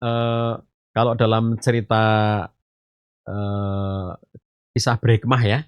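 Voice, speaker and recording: This Islamic teacher's voice is low, smooth and flat, and he takes his time as he gives a parenting talk on a podcast. Homely stories and analogies fill his explanations, he calls listeners fathers and mothers ("ayah bunda"), and "gitu" and "eh" recur often; the recording is dry and slightly muffled.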